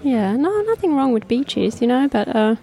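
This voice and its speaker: A woman from Finland, a filmmaker guest in a casual interview, answering with dry, deadpan humor. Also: a little high, moderate pace.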